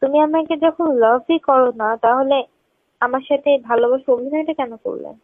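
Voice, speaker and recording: Heard through a tinny narrowband phone recording with a dry sound, the woman calling has a high-sitting voice and talks a little fast. She argues insistently, hammering away with repeated questions.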